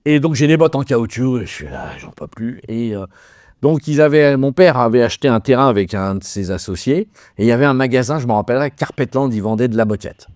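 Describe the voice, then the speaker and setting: A man's voice: mid-range voice, lively intonation, fairly quick, darkish tone, dry recording, studio quality. A man as an interview guest, telling his life story in a colloquial way, acting out dialogue and restarting words as he goes. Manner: colloquial, acts out dialogue in changed voices; frequent stammered restarts.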